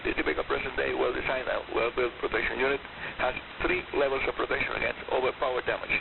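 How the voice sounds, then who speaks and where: A gravelly-voiced man of medium pitch reads a scripted programme fast and flatly, heard through hissy shortwave radio reception. As the radio programme host, he comes across a narrow-band broadcast with static and hiss in the background.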